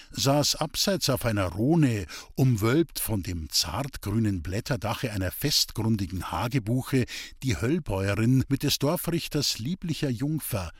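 A man narrating a folk tale in an expressive, scripted storytelling reading. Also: mid-range voice, breathy edge, dry recording, studio quality.

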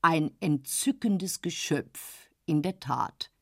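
Eine Frau spricht einen tiefen, herablassenden älteren Herrn. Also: female voice, animated, vocal fry, dry recording, studio quality, full character voice. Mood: patronizing. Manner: slow, patronizing, low and soft. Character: condescending older gentleman, smooth and calculating. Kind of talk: audiobook reading.

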